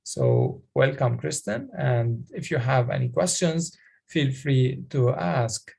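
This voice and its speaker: Guy coaching public speaking over a video call, dark raspy voice, lots of uhs and restarts. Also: medium pitch, very animated. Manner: halting, many fillers and restarts. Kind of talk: online coaching session.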